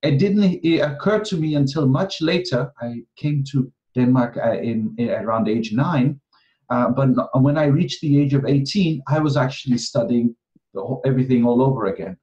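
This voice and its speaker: Speaking from his home over a video call, this medium-pitched, dark-toned man in his thirties from Kenya is a guest astrology teacher in a casual interview. He pauses often, with lots of ums and restarts, and the webcam picks him up with dull audio.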